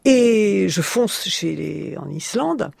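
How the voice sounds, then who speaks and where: Gravelly older Frenchwoman telling an anecdote. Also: medium pitch, slow pace, no room sound. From France. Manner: animated anecdote-telling, hesitant fillers. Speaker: publisher, interview guest. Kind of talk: radio interview, storytelling.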